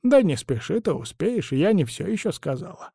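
A man's voice: fairly high pitch, big pitch swings, normal speed, vocal fry, mellow, slightly rough, no echo, studio quality, voice pushed up, full character voice. A man doing a cranky old witch. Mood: cagey. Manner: cranky, evasive, sing-song. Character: grumbling cunning old witch woman.

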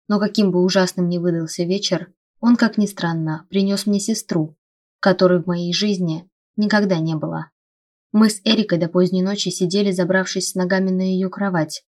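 Low-voiced woman reading an audiobook. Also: a little mellow. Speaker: audiobook narrator. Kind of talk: first-person audiobook narration.

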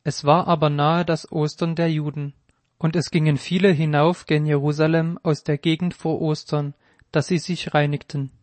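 A man narrating a scripted Bible reading with a solemn, measured delivery. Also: fairly high pitch, level tone, a little mellow, no room sound.

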